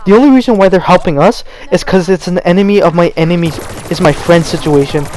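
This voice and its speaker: A man's voice: high-pitched, fast, a little mellow, a little hiss or hum. Stammering young man ranting about games. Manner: rambling, stammering, frequent restarts. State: cold, stuttering. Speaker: gaming channel host. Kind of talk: unscripted gameplay commentary rant.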